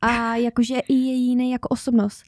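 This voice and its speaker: A woman's voice: on the high side, little pitch movement, darkish tone, no echo, clean studio sound. A woman from northern Bohemia, a travel content creator, chatting animatedly as a podcast guest and laughing often. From northern Bohemia, Czechia. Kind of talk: casual podcast chat.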